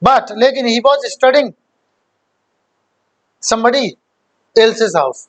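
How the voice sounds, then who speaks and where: A man's voice: very high-pitched, lively intonation, drawn-out words, rough recording. Man teaching a grammar class. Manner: quizzes students, repeats key points; mixes English terms into explanations. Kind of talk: classroom lecture.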